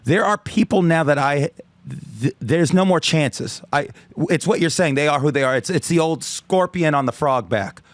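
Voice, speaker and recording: A man on a podcast, telling stories in a loose, animated way, acting out quotes and swearing freely. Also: fairly high pitch, moderate pace, no room sound. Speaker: guest comedian. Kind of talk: casual podcast chat.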